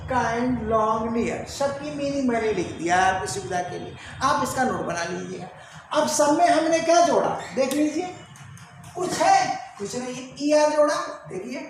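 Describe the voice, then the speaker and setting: A woman teaching an English grammar lesson, drilling pronunciation with repeated quiz questions to her students. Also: high voice. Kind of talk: classroom-style grammar lesson. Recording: very echoey room, faint background noise.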